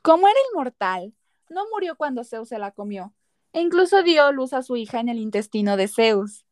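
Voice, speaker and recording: High-voiced woman narrating myths. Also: big pitch swings, moderate pace, a little mellow, dry recording, clean studio sound. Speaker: podcast narrator. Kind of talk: scripted dramatic storytelling.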